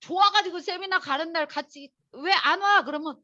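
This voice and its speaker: A woman giving a lively motivational seminar lecture to a live audience, chatty and storytelling, talking straight to the crowd. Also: extremely high pitch, normal speed, dull audio. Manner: animated, chatty storytelling, addresses the audience directly.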